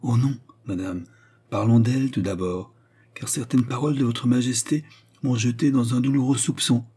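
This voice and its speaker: A man's voice: mid-range voice, moderate pace, warm tone, husky, natural voice. A man voicing a courtly cardinal in an audiobook reading, speaking in an earnest, pleading, courteous way.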